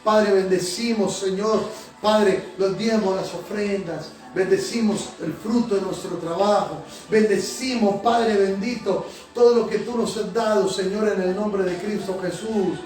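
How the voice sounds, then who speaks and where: Male pastor, high-pitched, fervent prayer, heard from across a reverberant sanctuary. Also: fairly even intonation, a little slow. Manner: fervent, repeating Señor and Padre between phrases. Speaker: pastor and prophet. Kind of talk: sermon and spoken prayer. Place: church sanctuary. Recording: echoey church hall from a distance. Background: soft music.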